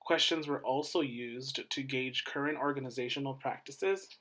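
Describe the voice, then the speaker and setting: A man's voice: mid-range voice, normal speed, a bit bright, a little hiss or hum, rough recording. Man giving a formal academic presentation. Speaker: doctoral student presenting a dissertation defense.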